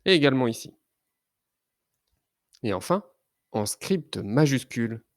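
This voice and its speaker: A man leads a children's phonics lesson at a very unhurried pace, stretching out each syllable so a child can follow. His pitch sits in a middle range, and the recording is dry and close with no room sound. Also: sing-song, no echo. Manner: slow, careful, articulating syllables for a child. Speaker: reading teacher.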